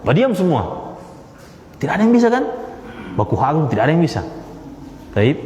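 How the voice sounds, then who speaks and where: A man teaching a religious study class to listeners in the room, lively and repeating his key phrases. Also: fairly high pitch, a little fast, reverberant, big-room sound, dull audio, slight background noise. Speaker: Islamic teacher. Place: study gathering with listeners present.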